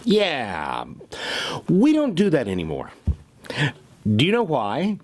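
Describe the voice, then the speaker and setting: A man playing a condescending, sarcastic university boss with a husky voice in a comedic screen drama. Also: fairly high pitch, huge pitch swings, slow, darkish tone, full character voice. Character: sardonic male university boss firing a professor. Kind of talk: dry comedic screen acting.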